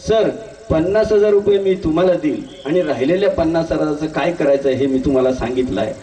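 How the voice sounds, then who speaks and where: A man speaking the lines of a quick-witted poor tailor inside a story, plain-spoken and prompt. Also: a little high, warm tone, lightly acted. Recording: echoey hall, distant mic.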